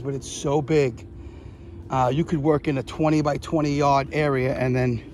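Excitable man narrating a dig outdoors. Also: fairly high pitch, a little hiss or hum. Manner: excitable, exclaims over finds. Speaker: metal detecting vlogger. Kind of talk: casual narration while digging. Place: outdoors in a large field.

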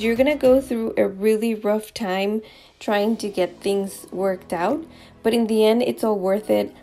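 Friendly woman home-renovation vlogger, chatty lapel-mic voice-over at mid pitch over light music. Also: mellow. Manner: upbeat and encouraging, chatty. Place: home living room, indoors.

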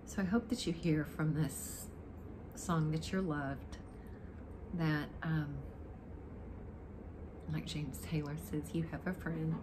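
Seated on a living room sofa, an older woman who plays guitar as an amateur introduces a song, talking casually to the camera in a rambling, nostalgic way. Her deep, dry-throated voice stays steady, moving slowly with frequent pauses. Noise is clearly audible in this home recording.

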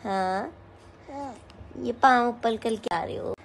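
A woman's voice: on the high side, slow pace, a little hiss or hum. A woman with a fever cooing and repeating phrases in baby talk to her pet at home. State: sick with a fever. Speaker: vlogger.

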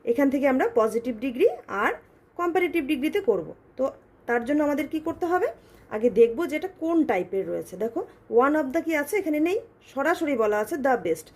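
A woman teaching English grammar in a patient lesson, asking her students questions and reading example sentences slowly. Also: high-pitched, expressive, darkish tone.

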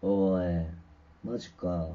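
A man's voice: deep voice, steady tone, slow. A man livestreaming from home, rambling casually with many fillers while checking his mic and guitar sound. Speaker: musician livestreaming. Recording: dull lo-fi stream audio with distortion.

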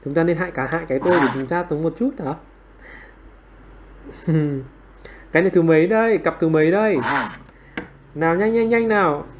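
A man with a fairly high voice runs a livestream English quiz from his home computer. He keeps prodding the class for answers, and he shrugs off his own slip-ups with quick, self-mocking apologies. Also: background noise. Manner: coaxing, repeatedly prodding students for answers. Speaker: online English teacher.

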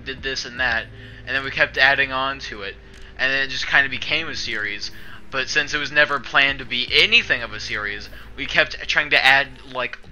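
The recording is muffled as a young streamer and video editor talks casually from his bedroom. He speaks at a moderate pace in a bright, forceful, mid-range voice, rambling sarcastically at his own expense and swearing frequently.

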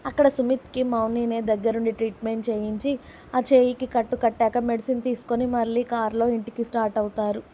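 A woman narrates a serialized romance in a mellow, rather high voice. Her pitch stays fairly level, and she reads the dialogue in the same steady manner as the narration. A faint ambience sits behind her. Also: fairly quick, slight background noise. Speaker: storyteller reading a serialized love story. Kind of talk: reading a story aloud, voicing all characters herself.

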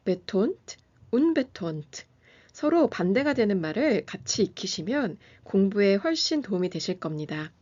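A woman hosting a music lesson, reading a scripted lesson and pronouncing German terms slowly and carefully. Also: mid-range voice, lo-fi sound, background noise. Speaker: piano teacher and channel host.

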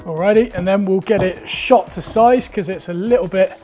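A man's voice: high-pitched, normal speed, music in the background. A young man, teaching woodworking in a workshop, chatty and upbeat as he explains each step. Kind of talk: instructional talk.

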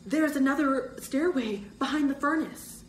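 A woman's voice: high-pitched, measured pace, reverberant, distant mic, a little hiss or hum, pitched above the performer's own voice. A woman voicing a wary young boy leader. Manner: cautious, hushed.

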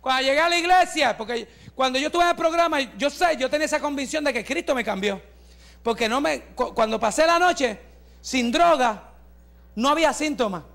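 A man in his forties, a pastor giving a fervent testimony sermon that rises to shouts, with joking asides. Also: very high voice, fairly quick, gravelly. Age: 40s.

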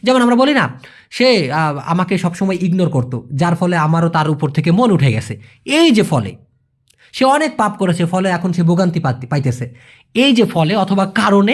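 A man teaching an informal language lesson, answering viewers' questions in a chatty way, repeating key words and checking that the listener understood. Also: high-pitched.

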